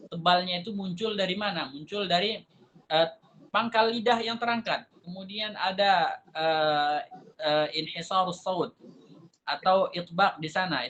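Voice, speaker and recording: Bright-voiced man teaching Quran recitation. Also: sits high, dull audio, slight background noise. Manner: demonstrates letter sounds by repeating syllables; explanatory, asks and answers his own questions. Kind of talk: tajwid lesson.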